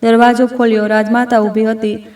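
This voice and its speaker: A woman storyteller reads scripted narration in short, even phrases. Her voice is high and keeps a flat, steady line. The mic sits at a distance in a roomy space. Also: normal speed.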